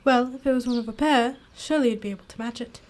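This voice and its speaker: A woman playing a genial, polite doctor, a detective's gentlemanly companion, in an amateur radio drama. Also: on the high side, fairly even intonation, fast talker, slight background noise, natural voice. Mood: genial, curious.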